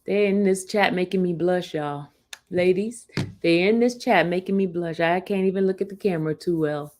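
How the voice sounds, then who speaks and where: A woman in her fifties, hosting a casual livestream, talks at a normal speed in a lowish, slightly mellow voice. She's chatty, laughs often and speaks to her viewers in the chat.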